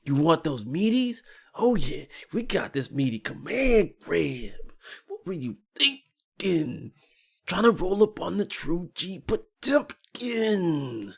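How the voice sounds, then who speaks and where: A smug, gloating hulking brawler, put on by a man who drags out his taunts. The voice is gravelly and swoops widely in pitch. The delivery is slow and savoring. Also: big pitch swings, full character voice.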